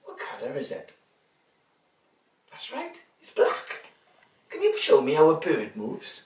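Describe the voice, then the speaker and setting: A woman presenting an interactive story for young children like an overbright party host, with exaggerated excitement and sing-song lines. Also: low voice, slow. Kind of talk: interactive picture-book reading for young children. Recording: roomy echo, distant from the mic.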